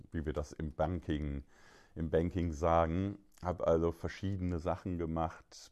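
Very low-voiced man, bank executive guest. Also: darkish tone. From Germany, Düsseldorf. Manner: fluent, many filler hesitations, friendly. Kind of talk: conversational podcast interview.

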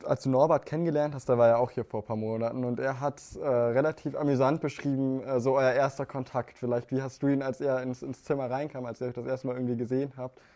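A man hosting an interview, asking questions in a quick, chatty way. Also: medium pitch, fairly even intonation, dark tone. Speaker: podcast host, interviewer.

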